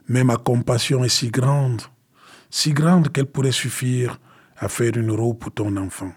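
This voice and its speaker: Guy doing a sad lonely owl in a storybook, high mournful voice, slow and a bit husky. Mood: tender. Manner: mournful, pitched far above his own voice.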